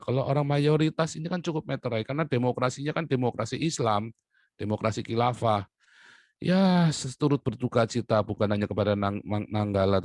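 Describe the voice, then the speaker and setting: A man talking straight to his viewers in a heated monologue. His voice sits at an ordinary middle pitch and jumps from loud, pushed outbursts down to low mutters. The sound is close and dry, with no room around it. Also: dry recording. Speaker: online commentator.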